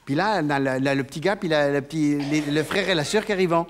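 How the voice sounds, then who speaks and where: Animated high-pitched male storyteller. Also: fast talker. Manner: animated, chuckling, stumbling restarts, voices the characters in high tones. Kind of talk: oral folk-tale telling to an audience.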